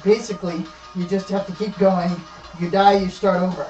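A man's voice: sits high, flat delivery, moderate pace, darkish tone, distant mic, lo-fi sound, faint music behind. A young man hosting a challenge video, casually explaining things in a bathroom, a little away from the camera. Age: young adult. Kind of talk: casual explanatory vlog chat. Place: small tiled bathroom. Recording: echoey bathroom, away from mic.

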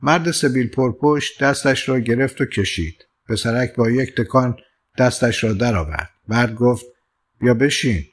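Male narrator, mid-pitched, calm and measured literary audiobook reading. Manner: calm, measured storytelling with lightly voiced quoted lines. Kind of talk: scripted narration.

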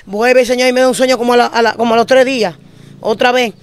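A woman pastor with a Dominican Spanish accent, telling her testimony with emotion and repeating phrases in quick bursts. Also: on the high side, steady tone. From Dominican Republic. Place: living in Spain.

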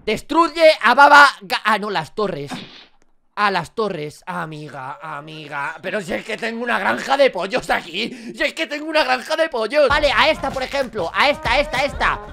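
A woman doing lively, jokey Let's Play commentary on a game, often repeating words in bursts of excitement. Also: fairly high pitch, normal speed, gravelly. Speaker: gaming YouTuber.

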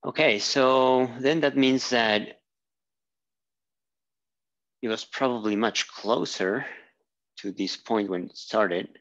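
A male physics teacher lectures at a small-room whiteboard, sketching while thinking aloud with fillers and restarts. He takes it slowly with long pauses, his medium-pitched voice fairly bright, and the recording sounds muffled.

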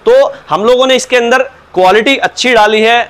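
In his shop, a cow mat dealer with a fairly high, slightly bright voice explains his product in an interview, speaking briskly yet patiently and politely like a salesman. He keeps opening his answers with a respectful "sir, look."

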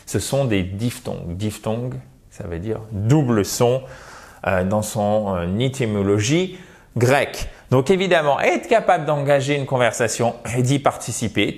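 A man giving a video lesson on English, speaking with energy and emphasis. He talks straight to his viewers as dear friends and carefully demonstrates how English words should sound. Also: medium pitch. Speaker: English teacher.

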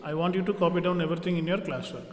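A man's voice: fairly high pitch, racing, a little mellow. A man teaching a grammar lesson, explaining step by step like a classroom teacher. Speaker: French teacher. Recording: echoey room with long reverb.

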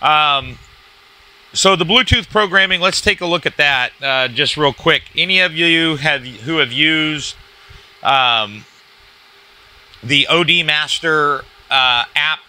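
Bright-voiced man demonstrating a gadget. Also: fairly high pitch, slow, poor audio. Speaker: radio product reviewer. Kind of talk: casual hands-on gadget demonstration. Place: indoors at a cluttered wooden desk.

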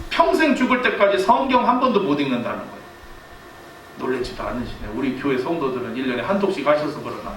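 Pastor, male, 40s: high and bright, animated sermon delivery with acted-out family lines, recorded from a distance in an echoey hall. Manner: animated, acts out family quotes, asks the congregation questions. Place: church sanctuary. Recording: echoey church hall, distant mic, faint background hiss.

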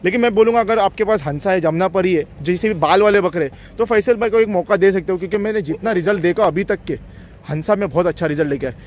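A man's voice: high voice, fast, darkish tone. A man, interviewing a farm owner for a goat channel and agreeing often. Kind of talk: casual outdoor interview.

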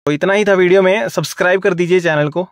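Talking fast in a high-pitched voice with no echo, this car vlogger from India, in his thirties, reviews a car's features at night from inside it, phone at arm's length. He's casual, chatty, and repetitive, explaining while showing.

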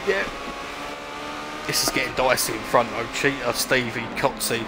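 A man's voice: mid-range voice, steady tone, normal speed, background noise. A man commentating live on an online car race like a motorsport commentator, calling moves in short clipped phrases.

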